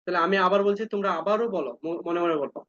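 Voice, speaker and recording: Guy with a high voice teaching an online class, chants verses real slow then explains, dull dry sound. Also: fairly bright tone, dry recording. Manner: addresses students directly, asks them to follow along.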